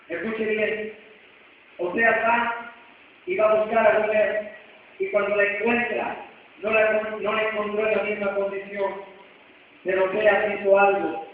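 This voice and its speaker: A man's voice: sits high, level tone, measured pace, pauses often. A man preaching a sermon, putting questions to the congregation and acting out the voices of the people in the story. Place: church hall. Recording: far-off echoey hall, tinny and hissy.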